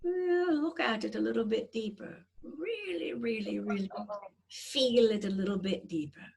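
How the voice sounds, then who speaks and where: A woman speaking as a trance channeler, like a seance medium, guiding listeners with deliberate, portentous, reassuring phrasing as in a guided meditation. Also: fairly high pitch, expressive, vocal fry, a little mellow. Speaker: trance channeler leading a group session.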